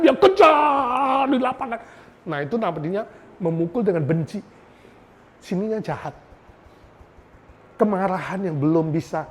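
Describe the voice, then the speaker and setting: A high-pitched man preaches with an animated, questioning style, throwing rhetorical questions at his listeners and mixing in English phrases. His voice rings out with a long hall reverb behind it. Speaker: pastor. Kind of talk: lively preaching sermon.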